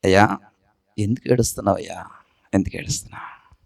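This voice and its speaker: A man's voice: low voice, fairly quick, vocal fry. A man voicing an anxious royal servant pleading with a prophet, with a Telugu accent. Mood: humble.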